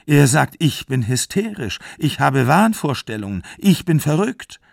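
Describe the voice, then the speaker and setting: A male audiobook reader slips fully into character as a distraught young mother, pleading earnestly and desperately about her fear. His gravelly voice is pitched fairly high and unhurried in a steady, literary reading, sitting close in dry, deadened sound with no echo.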